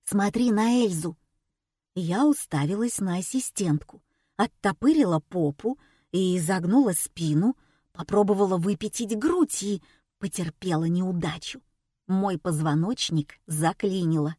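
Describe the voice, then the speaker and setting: A woman narrating a first-person story in a wry, measured manner. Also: on the low side, expressive, mellow, breathy edge, no echo, studio quality. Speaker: audiobook narrator.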